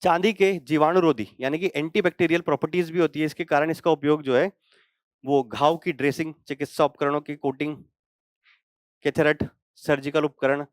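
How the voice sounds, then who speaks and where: A man's voice: fairly high pitch, no room sound. A man teaching a current affairs lesson for exam prep, asking himself questions and checking in with students as he explains. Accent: Hindi. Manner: explains with rhetorical questions and frequent "thik hai" check-ins.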